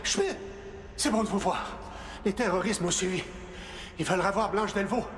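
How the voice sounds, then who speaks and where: A frantic, stammering agent. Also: male voice, high-pitched, a bit bright. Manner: rushed, stammering. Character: jittery male agent, frantic and nervous. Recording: roomy echo.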